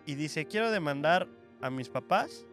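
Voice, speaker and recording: A man with a Mexican Spanish accent co-hosts a relaxed podcast, his voice a little above average in pitch. He rambles and pokes fun at his own slips. Soft music sits in the background. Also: a little slow. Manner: rambling, self-mocking, laughs often. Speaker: podcast co-host. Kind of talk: casual podcast chat.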